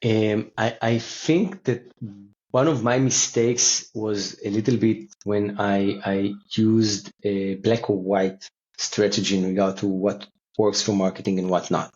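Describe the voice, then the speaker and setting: A company co-founder and CEO gives conversational answers as an interview guest, speaking haltingly and repeating words and phrases. His voice is fairly low, steady and darkish. The call audio is dull and lo-fi.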